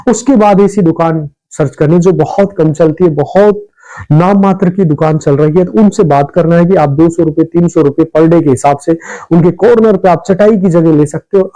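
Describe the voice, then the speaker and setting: Male host for a tips video: rushed, repetitive, chatty delivery, warm dark tone. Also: on the high side, low-quality recording. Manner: rapid, repetitive, addresses viewers as brother. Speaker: business ideas channel host. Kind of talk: casual advice talk to camera.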